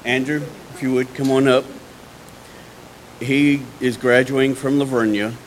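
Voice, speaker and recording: A man's voice: medium pitch, steady tone, unhurried, background noise. A man making informal church announcements who stumbles now and then. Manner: informal, stumbling over words.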